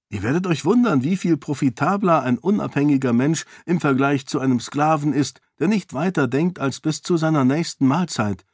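A man's voice: mid-range voice, no echo, studio quality, voice pushed up, natural voice. A man voicing a resolute young princess who argues firmly and urgently with a council of lords. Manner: firm, persuasive, urgent.

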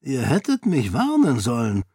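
A man voicing an older duke in an audiobook, gruff and measured in his speech. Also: medium pitch, wildly swooping pitch, warm tone, no echo, clean studio sound. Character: older duke, gruff self-styled old bear. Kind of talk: audiobook character voice.

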